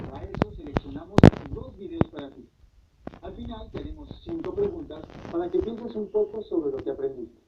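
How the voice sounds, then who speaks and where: A Mexican man presents a school broadcast, addressing children directly with clear instructions. His voice is high for a man, and he is heard from a distance in an echoing room. The recording sounds dull, with faint noise behind. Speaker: educational program presenter. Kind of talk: scripted narration.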